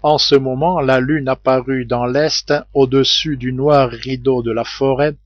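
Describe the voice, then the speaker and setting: A man reading a novel aloud as audiobook narrator, in a measured, steady scripted narration. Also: mid-range voice, dry recording. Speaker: audiobook reader. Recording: dull, muffled home recording.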